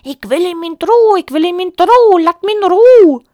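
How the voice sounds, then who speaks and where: A woman's voice: extremely high pitch, animated, moderate pace, mellow, dry recording, pitched above the performer's own voice. A woman voicing an angry goose who screeches in protest. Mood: shrieking. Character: shrieking furious goose, female.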